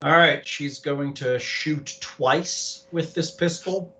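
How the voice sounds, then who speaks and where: A man's voice: a little high, slow, bright, forceful tone, poor audio. A man acting as game master, casually narrating a tabletop game and making rulings.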